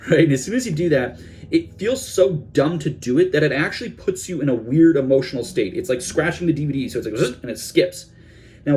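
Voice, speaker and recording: Speaking casually as a self-help coach, this young man instructs his audience and now and then acts out the listener's bleak inner thoughts. He has a slightly high voice with a darkish tone.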